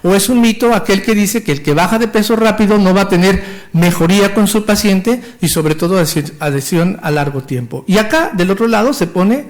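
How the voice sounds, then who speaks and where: A Mexican Spanish-accented physician in his fifties gives a medical lecture in a high, bright, expressive voice at a normal pace. He speaks eagerly and in technical terms, now and then stumbling over a word and restarting it before carrying on.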